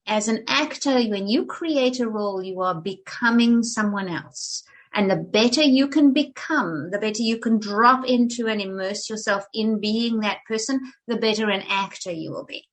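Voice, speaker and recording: An older South African woman with a polished, English-sounding accent is a guest in a conversational interview, speaking animatedly and theatrically with lots of restarts. Her voice is mid-range, and the audio quality is poor.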